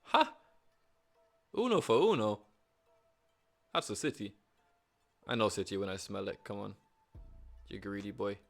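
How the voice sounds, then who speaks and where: A young man gives running commentary on his own online board game, swearing and talking to himself as the rolls go his way or not. His voice sits a little low with a gravelly fry, and faint music plays underneath. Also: normal speed. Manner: excitable, swearing, talks to himself. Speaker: streamer. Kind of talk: live gameplay commentary.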